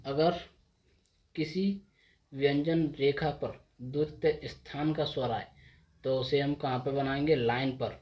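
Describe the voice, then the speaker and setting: A man's voice: medium pitch, steady tone, slow pace, pauses often, darkish tone. Man teaching step by step. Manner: repetitive, asks and answers his own questions. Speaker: shorthand teacher. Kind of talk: board lesson explaining step by step.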